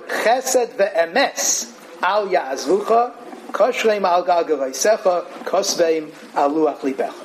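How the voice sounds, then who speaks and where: A man teaching a Torah class as a lecture, animated and singsong when he quotes verses. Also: a little high, slight background noise, low-quality recording. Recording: crowd audible behind him.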